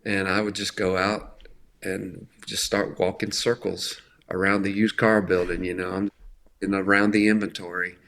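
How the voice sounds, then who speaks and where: A middle-aged man giving an earnest, conversational talk on faith, slowing down to stress key words. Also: low voice, level tone, a bit bright. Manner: earnest, emphatic, often slows for stress. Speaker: faith speaker.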